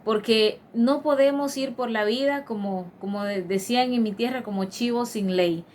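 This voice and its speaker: Woman giving an earnest devotional sermon, somewhat high voice, lots of fillers, faint noise behind. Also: moderate pace, a little mellow. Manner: earnest, emphatic, with many fillers and restarts.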